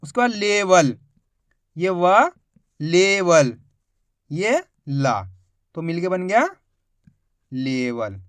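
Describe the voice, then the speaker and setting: High-voiced man slowly spelling out syllables. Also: sing-song, a bit bright, clean tone, no echo, clean studio sound. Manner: slow, drawn-out syllables and repeated teaching questions; addresses viewers as friends. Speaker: Hindi teacher.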